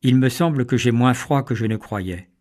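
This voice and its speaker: A gentle, pious peasant mother, sick in bed, as a male reader puts her on. She speaks softly and tenderly at a mid pitch. A storybook character. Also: normal speed, close to an everyday voice.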